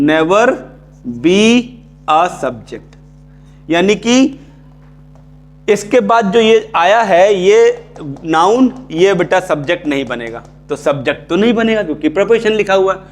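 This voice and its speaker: Higher-voiced Indian man teaching English grammar. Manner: repeats key terms, checks in with "ठीक है". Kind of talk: casual classroom lecture.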